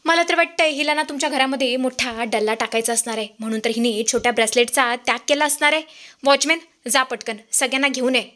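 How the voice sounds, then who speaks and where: A woman's voice: high voice, fast talker, pushed and bright. A woman voicing a haughty, suspicious rich lady who orders people about and scorns a poor servant. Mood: bossy, scornful. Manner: commanding, scornful.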